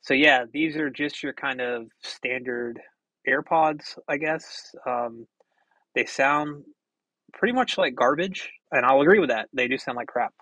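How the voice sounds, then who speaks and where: A man's voice: mid-range voice, measured pace, bright, forceful tone, no echo, low-quality recording. A man doing a casual, offhand microphone test, recorded through an earbud or headset mic with no processing. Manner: offhand, conversational. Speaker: tech reviewer. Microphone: wireless and wired earbud or headset mics, unprocessed.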